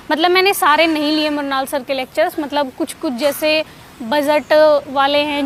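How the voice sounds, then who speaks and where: A woman's voice: high-pitched, slight background noise. A woman giving casual, conversational study advice with frequent fillers and restarts, as someone who passed the exam.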